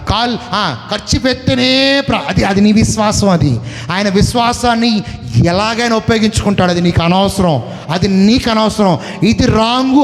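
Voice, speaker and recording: Man, Telugu accent, pastor preaching, call-and-response questions, high voice, long hall reverb. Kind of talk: sermon.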